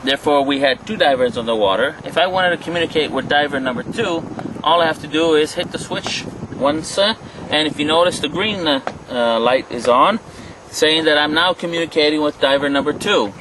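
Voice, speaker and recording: A man giving an instructional product demonstration as a trainer, speaking in a halting, explanatory way, recorded outdoors on a boat. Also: fairly high pitch. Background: wind and boat noise.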